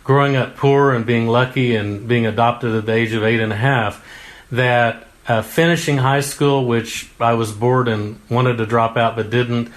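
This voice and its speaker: A man's voice: mid-range voice, fairly even intonation, measured pace. Folksy male congressional candidate. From Oklahoma. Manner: folksy and earnest, with homespun exclamations. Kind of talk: interview answers.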